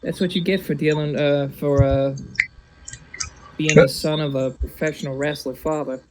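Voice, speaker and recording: A man taking part in a tabletop game, talking in a halting way with many fillers. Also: a little high, steady tone, background noise. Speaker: player. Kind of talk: tabletop role-play chat.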